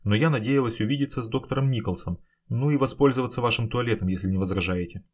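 A man's voice: mid-range voice, fast talker, close to an everyday voice. A man reading the lines of a polite, hesitant, exhausted woman in an audiobook. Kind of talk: audiobook character voice.

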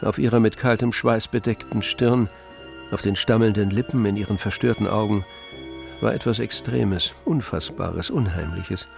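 A male actor with a lowish, creaky voice plays the all-knowing narrator of a literary tragedy in a radio drama. He tells it in a measured, expressive, grave way, with faint music behind him.

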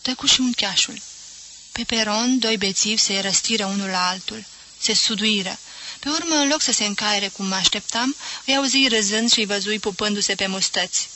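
A woman reading a novel aloud as an audiobook, in measured, even storytelling. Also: medium pitch, poor audio. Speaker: audiobook reader. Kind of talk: literary audiobook narration.

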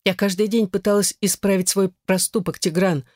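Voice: mid-range voice, fairly even intonation, moderate pace, darkish tone, no echo, studio quality, pitched above the performer's own voice, close to an everyday voice. A reader voicing Anya, a pleading young wife. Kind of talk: audiobook character voice.

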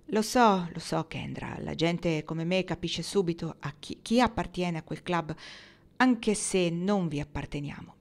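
A woman reading the part of an awkward, earnest young man confessing his feelings, speaking haltingly with pauses. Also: lowish voice. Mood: quiet.

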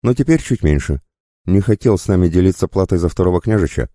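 A man's voice: low-pitched, expressive, quick pace, mellow, no echo, studio quality, pitched above the performer's own voice. A man voicing a sly, cruel bandit who goads and mocks. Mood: jeering. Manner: jeering, goading.

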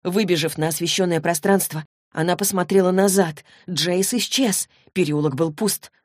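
Low-voiced woman narrating an audiobook. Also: normal speed, a little mellow, no echo, studio quality. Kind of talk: scripted narration.

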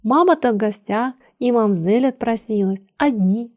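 A woman's voice: a little high, normal speed, darkish tone, natural voice. A woman voicing an easygoing household maid who chats in an amused way. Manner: chatty, amused.

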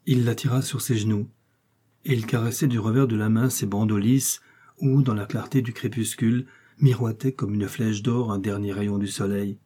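A man narrating a classic novel in a measured, expressive audiobook reading. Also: lowish voice, breathy edge.

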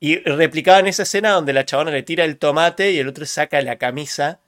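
A man with an Argentine accent co-hosting a casual podcast, telling stories in relaxed slang. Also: a little high, fast. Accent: Argentine Spanish. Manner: relaxed, storytelling, laid-back slang. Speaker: podcast co-host.

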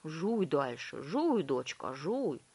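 A woman voicing a proud middle-aged father who speaks sternly and boastfully in a lowered voice. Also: big pitch swings, slow, darkish tone, husky, heavily acted.

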